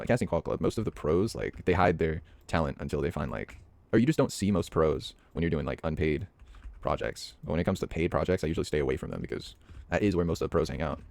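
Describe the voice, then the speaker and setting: Over gameplay, a young hobby voice actor who vlogs about games chats in a rambling, hesitant way with lots of fillers and restarts. His very deep voice has vocal fry and is a little mellow, recorded without echo.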